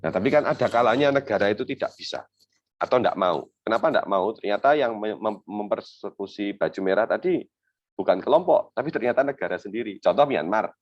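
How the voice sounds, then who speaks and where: A young man with a very low voice walks listeners through a webinar lecture, relaxed and conversational and full of filler words. The sound is dry and a bit dull, the lo-fi audio of a video call. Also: a little fast, dry recording. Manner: conversational, many fillers and hypothetical examples. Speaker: webinar speaker on refugee law. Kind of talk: academic webinar presentation.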